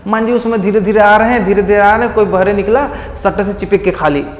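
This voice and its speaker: High-voiced Indian man teaching history in an echoey room. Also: quick pace. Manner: repeats key facts as quiz questions, with memory tricks. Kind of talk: exam-prep history lecture.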